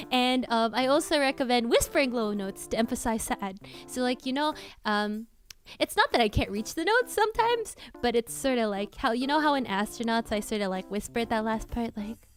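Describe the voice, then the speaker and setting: A woman's voice: on the high side, very animated, normal speed, soft background music. A woman cover singer chatting casually on a livestream Q&A, bubbly and giggly, often scattered and restarting.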